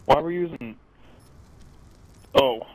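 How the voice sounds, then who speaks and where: A young man chatting over a headset while gaming, excitable and swearing, yelling when things go wrong. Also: medium pitch, takes it slowly, a little hiss or hum, poor audio. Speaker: gamer in party chat. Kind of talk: casual chat while gaming.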